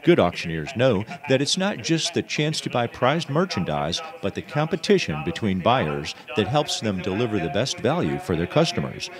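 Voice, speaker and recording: A man's voice: fairly low pitch, very animated, normal speed, hardly any pauses. An American man narrating a scripted news feature as a TV reporter. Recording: crowd noise behind voice-over. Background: event crowd.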